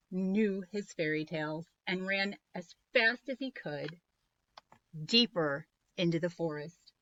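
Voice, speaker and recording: Slow, expressive woman teacher reading aloud. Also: fairly low pitch, dry recording, lo-fi sound. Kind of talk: storybook read-aloud.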